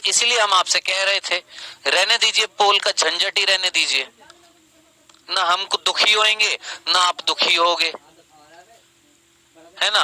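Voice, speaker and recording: Bright, tense-voiced teacher man. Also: high-pitched, low-quality recording. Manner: scolding, then sulky and sarcastic with students; addresses students as beta, stretches key words. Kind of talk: online exam-question lesson.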